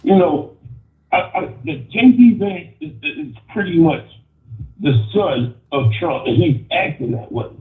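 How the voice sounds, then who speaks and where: A man's voice: a little high, expressive, measured pace. A man calling in over an earbud, his voice muffled and hard to make out, stammering through restarts as he gives his blunt opinions. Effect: muffled phone line over an earbud. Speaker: caller. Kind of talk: opinionated call-in rant. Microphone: wireless earbud on a phone call. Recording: muffled, tinny, echoey phone call.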